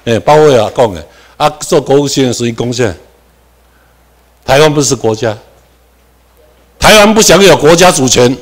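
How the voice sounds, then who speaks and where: A man's voice: moderate pace, long pauses. A man with a Taiwanese accent giving a classroom lecture, moving between Hokkien and Mandarin, dropping in English terms and asking himself questions as he goes. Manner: animated, with sudden rises in pitch and volume for emphasis. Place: lecture room.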